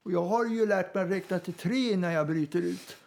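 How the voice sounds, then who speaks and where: A man in casual group talk, musing reflectively with gentle humor. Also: high voice, gravelly. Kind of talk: casual chat.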